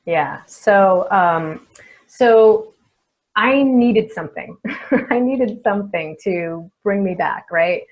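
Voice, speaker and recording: A woman, a feng shui expert and coach, answering interview questions in an unhurried, reflective way with many soft fillers. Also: mid-range voice, animated, low-quality recording.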